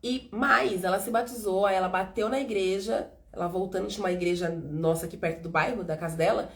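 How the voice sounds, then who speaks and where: Hosting a relaxed conversation about faith testimonies, a São Paulo woman in her thirties tells stories animatedly, voicing each line of dialogue herself. She has a Brazilian accent from São Paulo, a mid-range voice and a brisk pace.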